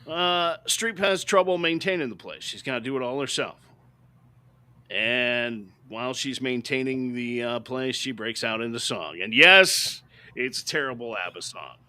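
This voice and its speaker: A man's voice: medium pitch, animated, a little slow, bright, forceful tone. A middle-aged man co-hosting a podcast, reviewing movies in an emphatic, ranting way and often asking "right?". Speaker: podcast co-host. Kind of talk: opinionated movie review chat.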